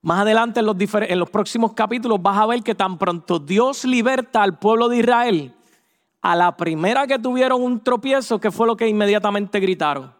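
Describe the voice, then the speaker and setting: High-voiced man preaching in an echoey hall. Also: normal speed. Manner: animated, acts out quoted voices. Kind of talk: sermon. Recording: echoey hall with long reverb.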